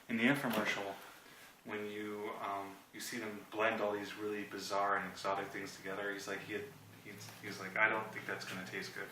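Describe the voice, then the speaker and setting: In his home kitchen, a man in his thirties reviews a product with casual, rambling, joking commentary. His lowish voice sounds pushed and bright. A handheld camera close by picks up an echoey room with clear noise and clicks.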